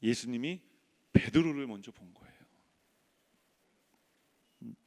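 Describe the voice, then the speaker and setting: A male pastor preaching a sermon, swinging from loud emphatic lines to hushed soft ones and acting out the people in his story. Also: mid-range voice, lively intonation, measured pace, long reverb tail. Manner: acts out quoted voices in dialogue. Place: church sanctuary.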